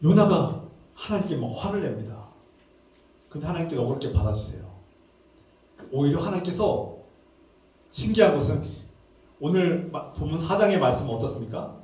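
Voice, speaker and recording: A man's voice: a little high, expressive, moderate pace, pauses often, dark tone. A male pastor preaching a sermon with emphatic delivery, sometimes acting out angry, pleading prayers in a raised voice. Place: church sanctuary. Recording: echoey church hall, mic at a distance.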